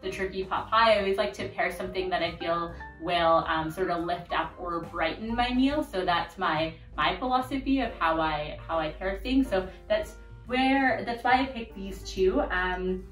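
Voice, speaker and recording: A young woman sommelier talks through wine pairings in a relaxed, easygoing manner, her voice slightly low. She sounds distant from the mic in a roomy dining room, with faint music behind. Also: moderate pace. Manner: relaxed, friendly explanation with fillers.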